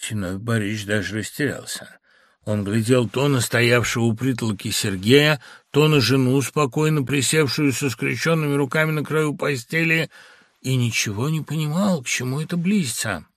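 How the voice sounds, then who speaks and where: A man reading a classic story aloud with dramatic, expressive narration. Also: mid-range voice, moderate pace, no echo, clean studio sound.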